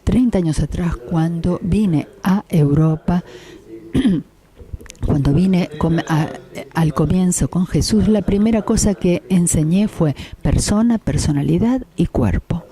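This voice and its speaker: Slow, dark-voiced man teaching. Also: high-pitched. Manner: slow, measured, with pauses and restarts. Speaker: spiritual teacher. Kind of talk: spiritual lecture.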